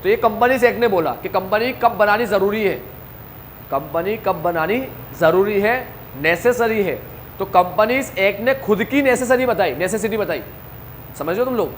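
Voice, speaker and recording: A man's voice: sits high, expressive, normal speed, slight background noise. A man teaching a commerce class, talking straight to his students, asking them questions and answering them himself. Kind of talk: classroom lecture.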